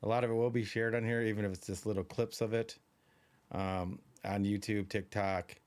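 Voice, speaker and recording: Low-voiced man, rambling live-stream chat. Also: fairly even intonation, normal speed, darkish tone. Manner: loose, rambling, chatty with fillers. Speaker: podcast co-host.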